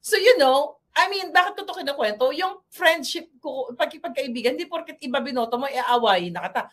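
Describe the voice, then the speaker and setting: A fairly high-pitched woman from the Philippines talking straight to her viewers in a loose political commentary vlog. She is blunt and combative and chats at length, sliding between Tagalog and English as she goes. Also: animated, brisk, a bit bright. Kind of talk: casual political commentary monologue.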